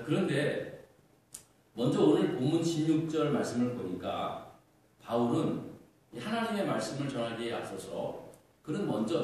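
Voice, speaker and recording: Korean pastor guy preaching, kinda high voice, super echoey church. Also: a little hiss or hum. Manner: earnest preaching with rhetorical questions and fillers. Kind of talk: sermon. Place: church sanctuary. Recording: echoey church hall, far from mic.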